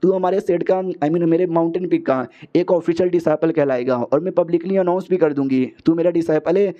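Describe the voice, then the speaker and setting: A man's voice: fairly high pitch, fairly even intonation, brisk, close to an everyday voice. A man voicing a commanding female sect leader who gives brusque orders, heard as a dull lo-fi recording.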